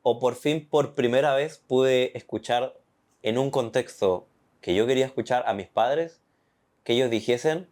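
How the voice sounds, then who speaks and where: A young man with a Chilean accent giving an earnest, animated personal faith testimony. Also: mid-range voice, measured pace. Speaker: testimony guest.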